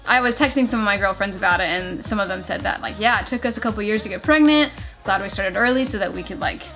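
A woman in her twenties chats earnestly on camera from her living room couch in a casual couple conversation, using lots of fillers. Her medium-pitched voice is quick and fairly bright. A camera mic a few feet away picks her up, with faint music behind.

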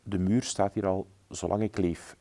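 Brief: old tired bear, slow and resigned, low mellow tone, read by a man. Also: steady tone. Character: old weary male bear. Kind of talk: storybook reading.

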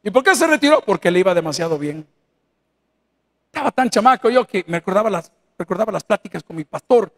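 A man's voice: high voice, expressive, fast talker. A man with a Salvadoran accent preaching a sermon in a church, folksy and joking, acting out the voices of the people he quotes. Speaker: pastor. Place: church sanctuary.

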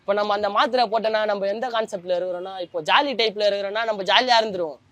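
A man's voice: high voice, very fast, fairly bright tone, dry recording. A young man, giving a colloquial personal account as a former prisoner, often trailing off as he searches for words. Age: young adult.

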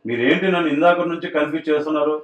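A man's voice: on the high side, racing, lo-fi sound. A man, a mimicry artist in a comic interview, answering in a boastful, stubborn way. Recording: roomy, from a distance.

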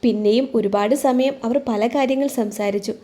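A woman reads a scripted story aloud as its narrator, steady and expressive. Her voice is fairly high with a dark, mellow tone. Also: normal speed.

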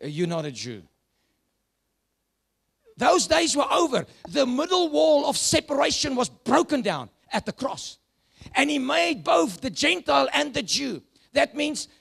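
A South African man preaching a sermon, moving between loud shouts and hushed, dropping asides. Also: extremely high pitch, lively intonation, unhurried, creaky. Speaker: pastor.

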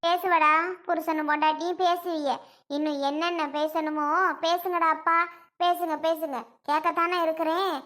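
A woman playing a fussy, sharp-tongued old grandmother, scolding and complaining in a family comedy skit. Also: extremely high pitch, level tone, moderate pace.

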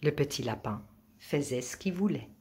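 A woman reading a children's picture book aloud at a library, playful and expressive, giving the characters their own voices. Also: low-pitched, normal speed, background noise. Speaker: library storyteller.

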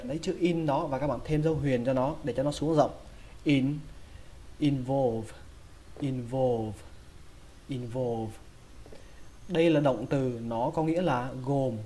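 A man with a Vietnamese accent gives a pronunciation lesson, teaching English vocabulary and patiently repeating each word several times. His voice is mid-range with a darkish tone.

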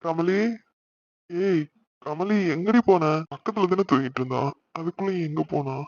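A man's voice: fairly high pitch, animated, moderate pace, darkish tone, dry recording. A man voicing a playful, teasing young husband in a cartoon. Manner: playful, mock-innocent. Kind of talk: cartoon voice acting. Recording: slightly dull lo-fi sound.

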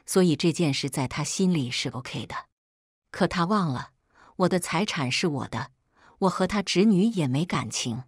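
A woman's voice: lowish voice, darkish tone, no room sound, clean studio sound. A woman narrating a first-person story in a conversational, exasperated storytelling manner.

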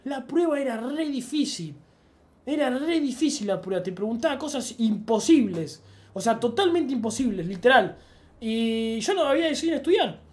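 A man's voice: very high voice, moderate pace. Young Argentine man telling stories. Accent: Argentine Spanish. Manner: slangy, animated anecdote telling. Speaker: streamer. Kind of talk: casual storytelling chat.

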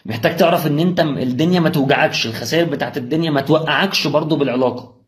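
A man's voice: on the high side, rapid-fire. A young man with an Egyptian accent giving a motivational religious talk, firing rhetorical questions straight at the listener. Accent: Egyptian Arabic. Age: young adult. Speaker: preacher.

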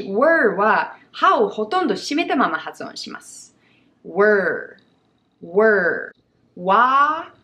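Young American woman teaching pronunciation, stretches out example words, mid-pitched. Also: bright, forceful tone. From United States. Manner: slow, exaggerated model pronunciations. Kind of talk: bilingual pronunciation lesson.

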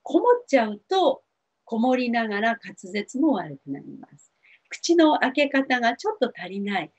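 Middle-aged woman counselor, soft and reassuring, speaking to TV viewers; lively, expressive pitch; slightly dull lo-fi sound. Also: moderate pace, husky. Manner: gentle, reassuring, many fillers. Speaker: spiritual counselor answering viewer questions. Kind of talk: advice talk to TV viewers. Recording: dull lo-fi TV audio.

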